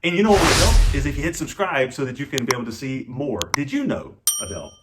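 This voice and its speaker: A man's voice: mid-range voice, lively intonation, fast, very noisy. Earnest, encouraging male co-host. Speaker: marriage channel co-host. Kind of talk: casual chat.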